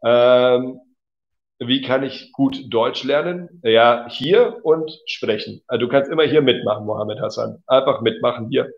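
A man's voice: mid-range voice, measured pace, gravelly. A man teaching German in a casual livestream, reading out viewer comments, correcting them and laughing easily. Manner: chatty, reads out and corrects comments, laughs often. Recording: slightly dull lo-fi audio.

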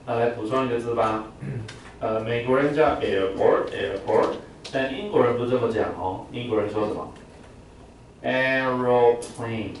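A man with a mid-range voice and a fairly quick delivery gives a classroom lecture on English vocabulary. He peppers it with "啊" and has the class repeat words back. The sound is distant and echoey with a little noise.

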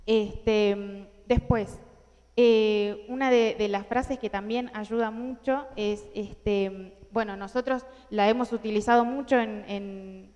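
A young Argentine woman, speaking with an Argentine Spanish accent, gives an earnest talk to a large audience in an indoor hall, her mid-range voice steady, slow, and darkish. She uses many fillers and restarts, and the hall-reverb recording has its highs cut off.

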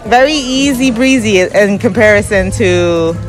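An entrepreneur from Barbados chats casually with an interviewer inside a clothing store, music playing in the background. Her medium-pitched voice is unhurried and the recording quality is low. She answers upbeat and talkative, sprinkling in lots of "you know."

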